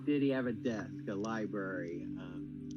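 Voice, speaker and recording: Male player, polite and halting, dull lo-fi sound. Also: lowish voice, over music. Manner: hesitant, polite. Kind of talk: tabletop game play.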